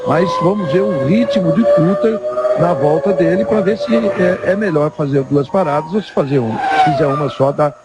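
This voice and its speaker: A man's voice: sits high, expressive, moderate pace. A man with a Brazilian accent giving live motorsport commentary as the analyst, explaining in a hesitant way. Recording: very loud engine noise behind voice.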